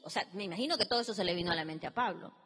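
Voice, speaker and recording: A woman's voice: medium pitch, racing, a bit bright, soft background music. A woman preacher giving an emphatic, dramatic sermon in a church hall, acting out biblical dialogue. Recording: long reverb in a large hall.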